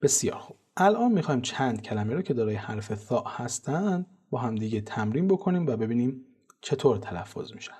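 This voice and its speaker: Mellow husky teacher. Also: male voice, medium pitch. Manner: calm, methodical explanation with chanted example words. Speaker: Quran recitation teacher. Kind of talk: instructional lesson on tajweed pronunciation.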